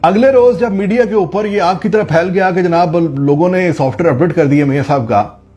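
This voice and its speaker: A man's voice: high voice, fairly quick, darkish tone, breathy edge, faint music behind. A man from Pakistan giving an impassioned, sarcastic political commentary full of rhetorical questions.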